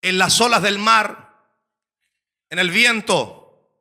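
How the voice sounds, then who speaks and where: A male pastor preaching an evangelical sermon, moving between hushed asides and shouted climaxes and calling for amens from the congregation. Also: high-pitched, takes it slowly.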